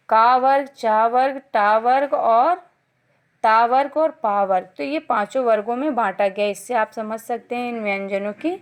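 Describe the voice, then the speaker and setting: Higher-voiced woman teaching grammar. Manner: patient, explains step by step and sounds out letters slowly. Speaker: school Hindi teacher. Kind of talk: online grammar lesson.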